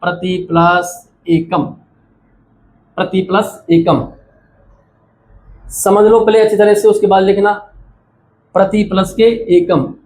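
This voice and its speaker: A fairly high-pitched man teaches a grammar lesson at the board. He puts questions to his students, answers them himself and repeats the key points. Faint noise hangs under the recording. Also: steady tone, slow pace, pauses often, a little mellow, poor audio. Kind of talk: classroom lecture at a board.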